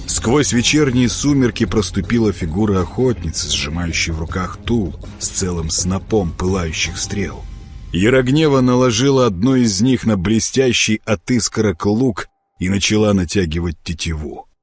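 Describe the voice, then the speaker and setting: A man narrating a folktale audiobook with lively, dramatic storytelling. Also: fairly low pitch, moderate pace, faint music behind. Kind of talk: scripted narration.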